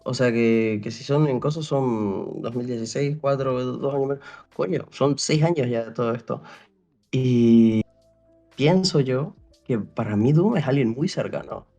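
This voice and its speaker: A young Paraguayan man, an interview guest, chats casually in a mid-range, warm voice that runs a little slow, with faint music in the background. His long story wanders, full of restarts and "o sea," and he acts out bits of dialogue.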